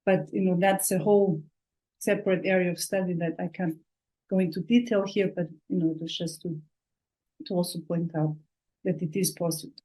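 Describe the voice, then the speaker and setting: Female researcher from Austria, online talk; measured and reflective, with frequent fillers and restarts. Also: lowish voice, steady tone, dark tone, poor audio.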